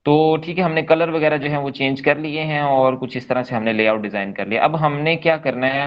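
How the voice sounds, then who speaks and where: A man with a medium-pitched voice, heard through a muffled recording, leads a live online coding class. As the instructor, he walks through each step patiently and repetitively, checking in with his students often.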